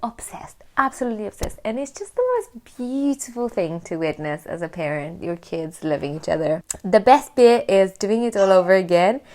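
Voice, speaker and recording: A woman's voice: on the high side, dark tone. A woman, chatting candidly to camera as a vlogger and laughing often. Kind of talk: casual chat to camera.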